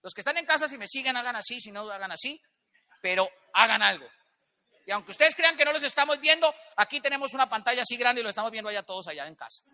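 A man speaks from a stage in a big hall, his voice sitting high and ringing sharply. He talks emphatically, throws rhetorical questions at the crowd and acts out little exchanges. A long reverb trails his words. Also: lively intonation, quick pace, bright, forceful tone. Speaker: motivational business speaker. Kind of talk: motivational stage talk. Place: large event hall with a live audience.

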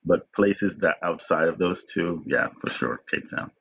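Deep-voiced man, reflective interview guest. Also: measured pace, gravelly, fairly bright tone, husky. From Jamaica. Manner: reflective, repeats words when starting. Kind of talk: conversational interview. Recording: dull lo-fi sound.

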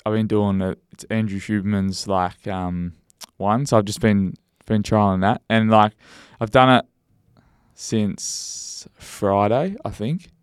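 Man, broad Australian accent, lowish smooth voice, young adult, rambling matey podcast chat. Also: fairly even intonation, slow pace, no room sound, studio quality. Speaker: podcast co-host.

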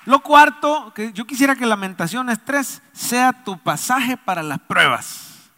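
A man's voice: very high voice, lively intonation, unhurried, bright, forceful tone, big-room sound. A man preaching a sermon, leading the congregation to repeat after him and acting out the voices in his stories. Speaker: pastor. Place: church.

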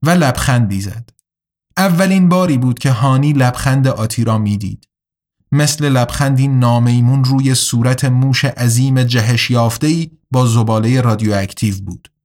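Man narrating a story at mid pitch. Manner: steady, deliberate storytelling. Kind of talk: audiobook narration.

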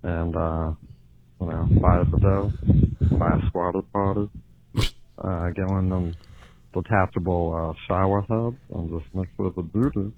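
A man leaving a crude, rambling voicemail through a deep pitch-shifted voice changer. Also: steady tone, a little slow. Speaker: voicemail caller. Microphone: phone. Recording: tinny phone voicemail with faint hiss.

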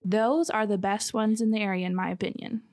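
Creaky-voiced American woman, casual co-host. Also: medium pitch, fairly even intonation, fairly quick, a little mellow, dry recording, clean studio sound. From Michigan, United States. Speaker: podcast co-host. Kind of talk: casual conversational chat.

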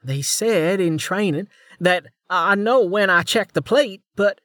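A man voicing a nervous young woman police officer who reads truth, high and stammering. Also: takes it slowly, a bit bright, dry recording, clean studio sound. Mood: startled.

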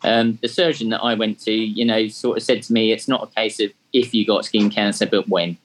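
Heard through a rough recording, this Englishman in his fifties speaks a little fast in a lowish voice with fairly even intonation. His English accent has a slight Australian lilt. As an interview guest who organises charity track days, he keeps things casual, humbly self-mocking and peppered with ums.

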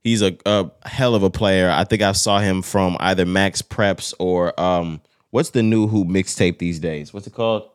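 A man's voice: low-pitched, steady tone, moderate pace, hardly any pauses, smooth, no room sound, clean studio sound. A man co-hosting casual sports banter in a crude, slangy, profane frat-bro manner, joking around. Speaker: podcast co-host.

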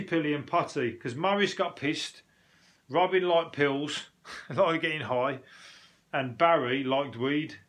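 A man's voice: on the high side, a bit bright. A man with a Birmingham accent chatting casually on his own as a show host, rambling, joking and swearing freely. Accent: Brummie (Birmingham). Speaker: host of a news commentary show. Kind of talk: casual solo chat about news stories.

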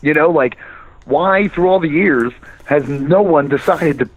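A man's voice: on the high side, measured pace, low-quality recording. A man of forty, a podcast guest and author, talking casually and ranting with lots of swearing. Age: 40s. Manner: profane, ranting, laughs mid-sentence.

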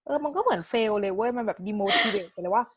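A young woman in casual chat, telling a personal story with animated delivery and English words mixed in. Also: medium pitch, a little fast, husky.

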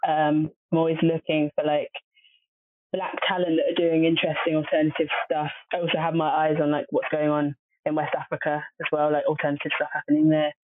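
A woman with a deep voice chats casually and hesitantly as a podcast guest, speaking fairly quickly in a completely flat tone and using many fillers. Her family is from southern Nigeria, and Obolo is her first language. The audio is dry and lo-fi, like a phone call.

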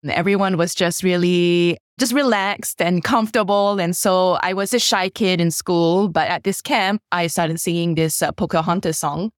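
A woman in her thirties from Singapore, a worship leader telling her story in a podcast interview with many fillers and animated jumps in pitch. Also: moderate pace, few pauses, no echo, clean studio sound.

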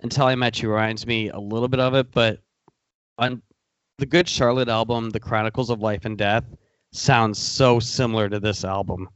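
A man's voice: lowish voice, steady tone, normal speed, a bit bright, no room sound, lo-fi sound. A man co-hosting a casual music podcast in a laid-back way, steering the talk along. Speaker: podcast co-host. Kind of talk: casual chat.

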